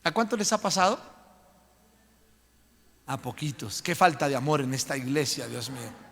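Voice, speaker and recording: Gravelly pastor in a reverberant church. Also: male voice, medium pitch, lively intonation, normal speed. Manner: storytelling with acted voices and loud prayer. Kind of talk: sermon. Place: church sanctuary. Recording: long hall reverb.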